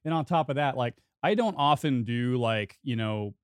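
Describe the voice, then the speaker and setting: A man's voice: mid-range voice, animated, moderate pace, no room sound, clean studio sound. A man hosting a metal radio show, chatting casually and loosely with his guest in a laid-back way. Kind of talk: casual interview chat.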